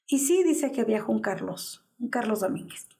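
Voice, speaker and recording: A woman's voice: a little high, lively intonation, moderate pace, gravelly, dark tone. A woman in her fifties with a Mexican Spanish accent, giving an interview as the mother of a missing man and telling an anguished story that acts out the dialogue. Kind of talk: personal testimony in an interview.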